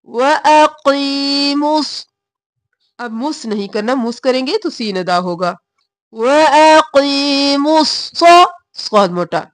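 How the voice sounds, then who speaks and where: In a clean studio recording without room sound, a woman with a higher-pitched voice teaches Quran recitation, drawing out chanted verses at length, then briefly explaining pronunciation in fast asides.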